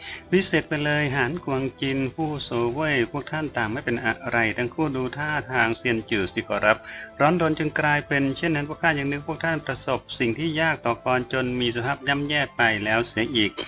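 An eager, well-mannered young disciple, as a man voices him, bright and forceful in tone. He talks in a formal, courteous way, close to the reader's own voice. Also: medium pitch, a little fast, soft background music, close to an everyday voice. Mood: relieved. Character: cheerful polite young male disciple.

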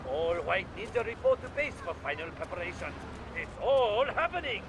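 Un chef ninja fanfaron à la radio pirate. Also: male voice, high-pitched, sing-song, normal speed. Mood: gloating. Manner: gloating, theatrical announcements. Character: scheming male ninja cult leader on pirate radio. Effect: pirate radio broadcast. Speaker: radio announcer. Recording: radio broadcast over loud game noise.

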